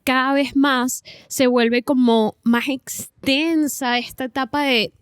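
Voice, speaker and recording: A woman's voice: sits high, steady tone, clear, resonant tone, no room sound, clean studio sound. A woman in her twenties co-hosting a podcast, talking thoughtfully and unhurriedly in casual chat, often checking in with her listener. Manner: thoughtful, unhurried, uses tag questions. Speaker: podcast co-host.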